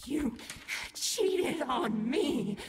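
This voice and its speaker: An accusing demonic ex-girlfriend in a horror game. She drags her words out very slowly in a high, swooping female voice. Clear noise sits behind her. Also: lively intonation, heavily acted. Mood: bitter, accusing. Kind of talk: horror video game acting.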